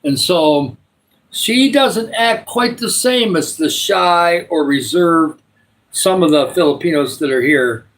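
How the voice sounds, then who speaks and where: A man's voice: fairly high pitch, takes it slowly, a bit bright. A man in his sixties hosting a live stream, chatting in a rambling, meandering way with viewers and praying for them. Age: 60s. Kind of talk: casual live-stream chat and prayer.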